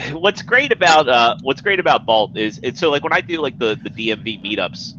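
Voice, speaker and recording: A man's voice: medium pitch, big pitch swings, moderate pace, pushed and bright. A man in a casual, joking chat on a live stream, rambling with many restarts, over dull, noisy audio. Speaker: guest on a toy collector live chat.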